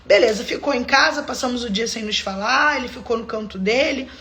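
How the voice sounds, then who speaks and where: A high-pitched woman hosts a live stream from home. She delivers a personal faith testimony as an emphatic storyteller and keeps turning to address her viewers directly. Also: a little fast, pushed and bright.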